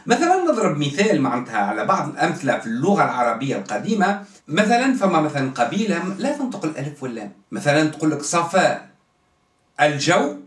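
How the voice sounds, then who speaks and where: Animated Tunisian man, roomy and distant. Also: on the high side. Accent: Tunisian Arabic. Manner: animated, acts out dialect pronunciations, keeps asking "understand?". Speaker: channel host explaining religious history. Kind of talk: casual explanatory talk to camera.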